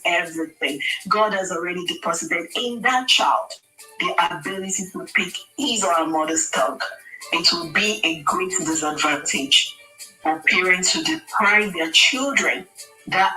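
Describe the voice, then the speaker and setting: A Nigerian woman appears as a guest in a radio studio, offering impassioned, pleading advice on air in a preacher-like style. Her voice sits on the low side with a sharp tone. The audio is poor, reverberant, and captured from a distant mic.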